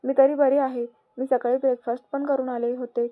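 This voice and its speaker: A woman's voice: sits high, little pitch movement, brisk, phone-quality sound, natural voice. A woman reading the lines of a flustered young female employee in a storybook reading, pleading and protesting.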